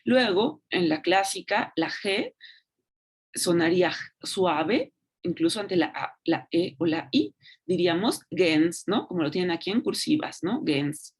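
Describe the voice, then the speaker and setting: A woman's voice: on the low side, animated, measured pace, slightly rough. A woman giving an online lecture, speaking unhurriedly with frequent fillers and tag questions. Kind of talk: online lecture on Latin pronunciation.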